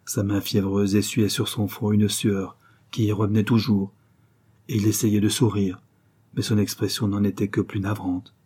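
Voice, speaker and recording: A man reading a novel aloud in a measured, dramatic narrating voice. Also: on the low side, little pitch movement, dark tone, breathy edge. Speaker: audiobook narrator. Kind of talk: literary audiobook narration.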